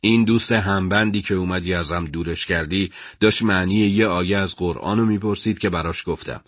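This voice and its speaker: A calm, unshaken political prisoner answering back, as a man voices him in a radio story. His voice sits fairly low and stays even. The sound is dry and close. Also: dry recording. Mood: calm, defiant.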